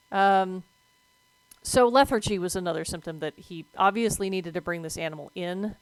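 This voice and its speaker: A woman's voice: fairly low pitch, clean tone, dry recording, rough recording. Blunt, foul-mouthed woman streamer. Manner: blunt, swears freely; animated, breaks off to react to the game. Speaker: streamer with veterinary work experience. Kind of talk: casual explanation while playing a game.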